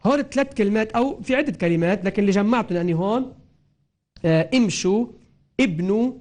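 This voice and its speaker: Lebanese guy teaching quran recitation, pretty high voice, keeps repeating the example words slow and careful. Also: animated, a little mellow. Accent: Lebanese Arabic. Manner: explains patiently, repeating and drawing out example words. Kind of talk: spoken grammar and tajweed lesson.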